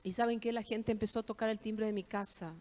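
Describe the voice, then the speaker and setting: A woman's voice: on the high side, fairly even intonation, quick pace, a little mellow. A middle-aged woman with an Argentine accent, giving a church testimony with heartfelt, emphatic repetitions. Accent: Argentine Spanish. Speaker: guest speaker giving testimony. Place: church service.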